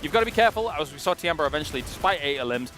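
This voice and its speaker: A man on an esports analyst desk with a slightly high voice. He weighs team positions in a measured, considered way. The broadcast studio has faint music in the background. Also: animated, fairly bright tone.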